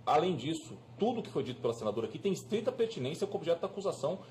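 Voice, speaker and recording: A man's voice: on the high side, very animated, very fast, darkish tone, slight background noise. A man with a Brazilian Portuguese accent, a defense lawyer arguing urgently but with formal politeness to be heard. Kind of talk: courtroom argument.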